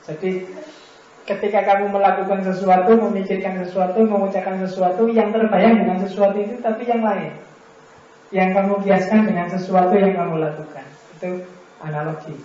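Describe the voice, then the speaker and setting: Man, high voice, philosophy lecturer, casual teasing lecture, rhetorical questions, heavy echo. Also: fairly even intonation, normal speed, dark tone. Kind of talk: informal lecture. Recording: very echoey, dull lo-fi room recording.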